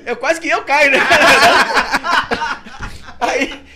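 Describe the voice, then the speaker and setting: A man with a Brazilian Portuguese accent telling his story in a casual, animated chat, often laughing as he talks. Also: very slow, heavy background noise. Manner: animated, laughing, gets louder and higher when excited.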